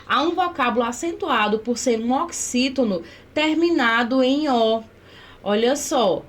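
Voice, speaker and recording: Woman teacher, fairly high voice, patient step-by-step grammar explanations, checks in with students after each point. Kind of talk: exam-prep grammar lesson.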